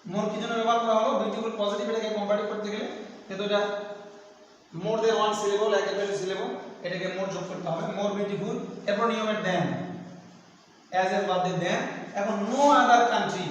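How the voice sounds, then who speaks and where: A teacher giving a grammar lesson, explaining step by step and asking questions, then answering them himself. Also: male voice, high-pitched, fairly even intonation, moderate pace, a little hiss or hum. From Bangladesh. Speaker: assistant teacher. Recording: echoey room, voice far from the mic.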